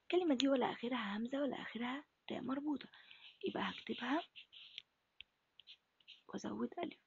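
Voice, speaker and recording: A woman teaching Arabic to first graders in an Egyptian accent, asking questions and answering them herself in a breathy, half-whispered voice. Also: a little high, lively intonation, fast talker, no echo, highs cut off. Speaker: primary school Arabic teacher. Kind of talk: recorded lesson for first graders.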